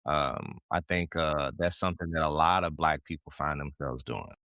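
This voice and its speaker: A man with a very low voice co-hosts a podcast in casual conversation. He tells stories in a measured, reflective way. The sound is close and dry, with no room around it. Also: bright, forceful tone, no echo. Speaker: podcast co-host.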